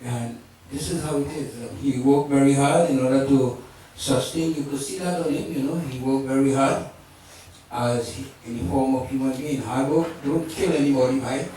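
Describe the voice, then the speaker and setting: A man giving a funeral sermon in a halting way, with many "you know"s. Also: mid-range voice, mellow. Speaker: funeral officiant. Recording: roomy echo, far from the mic.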